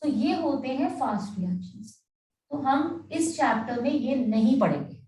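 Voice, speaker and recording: High-pitched woman tutor, chemistry class, hindi-english mix, keeps asking "clear?", roomy echo, mic far off. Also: lively intonation, measured pace, warm tone. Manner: mixes Hindi and English, keeps checking if students follow. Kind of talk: classroom lecture. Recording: echoey room, mic at a distance.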